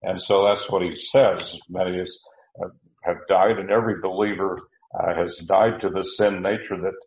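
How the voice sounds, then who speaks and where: A man teaching verse by verse through a Bible passage, unhurried, with many fillers and restarts. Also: sits low, fairly even intonation, a little mellow. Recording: roomy, dull lo-fi recording.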